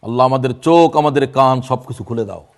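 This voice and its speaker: A man in his sixties preaching a sermon, reciting prayers and quoting verse in a drawn-out voice that swings between loud and hushed. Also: medium pitch. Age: 60s. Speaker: Islamic preacher.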